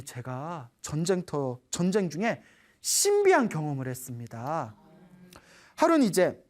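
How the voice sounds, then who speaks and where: A Buddhist nun gives a dharma talk, her voice rising and falling with expressive swings. She tells her stories in an animated way and often stops to ask her audience questions. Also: fairly low pitch.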